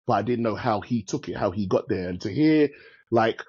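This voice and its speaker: A middle-aged man with a London accent co-hosting a casual film review chat, slangy and animated, repeating himself for emphasis. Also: on the low side, a little fast, husky. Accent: British, London. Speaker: podcast co-host reviewing films. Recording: slightly dull, lo-fi sound.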